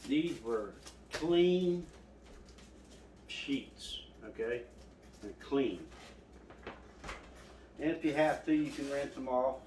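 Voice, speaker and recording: A man's voice: mid-range voice, drawn-out words, pauses often, recorded from a distance, noisy background. A man hosting a home cooking video, folksy and rambling as he talks to his viewers. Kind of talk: casual cooking vlog. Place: home kitchen. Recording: echoey room, voice from off the mic.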